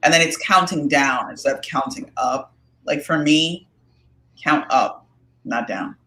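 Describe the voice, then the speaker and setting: A woman co-hosting a casual chat, talking in a lively, animated way and reacting quickly. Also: low-pitched. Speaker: podcast co-host. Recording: echoey roomy sound.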